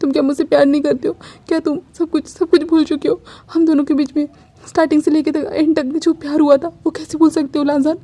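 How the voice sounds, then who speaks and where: A woman's voice: high voice, little pitch movement, quick pace, dark tone. A woman voicing a tearful, clingy young man who pleads with stammered repeats. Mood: distraught. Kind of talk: fan fiction storytelling.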